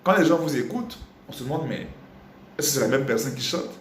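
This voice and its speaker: A man from Congo teaching a singing lesson, explaining with lively repetition and breaking into sung examples. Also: medium pitch, fast talker, roomy sound, slight background noise. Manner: animated, repeats phrases while explaining. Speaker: vocal coach.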